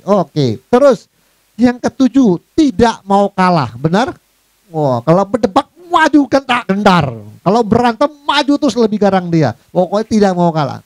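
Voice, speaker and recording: A man preaching a conversational sermon as a pastor, lively and chatty, often acting out mocking voices and addressing listeners directly. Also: sits high, dry recording. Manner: lively, acts out mocking voices of proud people.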